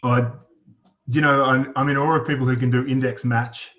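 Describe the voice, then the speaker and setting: A man's voice: mid-range voice, fairly even intonation, moderate pace, a bit bright, muffled recording. A man speaking as an industry panelist, hesitant and self-deprecating, with many restarts. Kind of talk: panel discussion.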